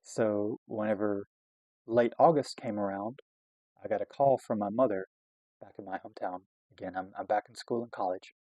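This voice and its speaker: A man's voice: fairly low pitch, normal speed, warm tone, no echo, highs cut off. A man from North Carolina casually telling a story about his past, rambling and self-deprecating with many fillers.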